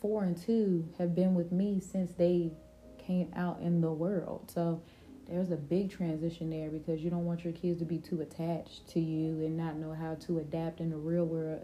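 Animated mellow-voiced woman vlogger. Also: lowish voice, dull audio, a little hiss or hum. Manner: animated, talks to viewers as "y'all". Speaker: vlogger and podcast host. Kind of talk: casual faith-centered chat.

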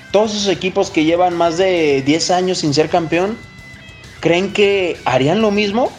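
Male Mexican football host, fairly high voice, slangy and blunt casual opinion talk, some music behind.

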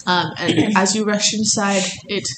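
A woman's voice: mid-range voice, fairly even intonation, normal speed, roomy sound, heavy background noise. A woman running a tabletop game as game master, narrating casually with lots of fillers. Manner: casual, filler-heavy narration with many likes and ums.

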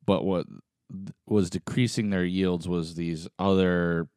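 A man's voice: low voice, steady tone, takes it slowly, a little mellow, smooth, dry recording, clean studio sound. A man co-hosting a casual comedic chat, reacting informally and freely swearing. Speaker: podcast co-host reacting and commenting.

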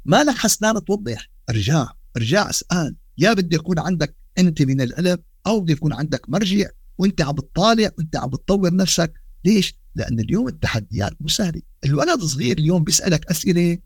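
A man with a Levantine Arabic accent giving a religious podcast lesson, animated and full of rhetorical questions, with Quran quotes woven into his dialect. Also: on the high side, fast talker, slightly rough, no room sound, studio quality. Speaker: Islamic lecturer.

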